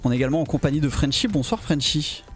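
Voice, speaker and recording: A man's voice: fairly high pitch, expressive, quick pace, faint music behind. A man hosting a casual interview podcast, speaking in a chatty, teasing way. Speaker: podcast host.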